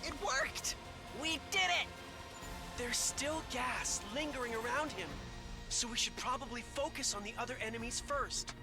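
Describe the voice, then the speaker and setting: Young fighter, voiced by an actor: earnest, practical, lively pitch, game role over music. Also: normal speed, close to an everyday voice. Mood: excited. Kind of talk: dramatic video game acting.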